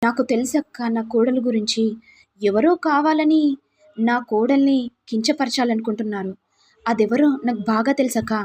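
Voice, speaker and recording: A firm, loyal mother-in-law standing up for her daughter-in-law, voiced by a woman narrator. High, husky and dark-toned, she speaks with earnest conviction in a spoken family drama retelling. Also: moderate pace. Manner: earnest, defending.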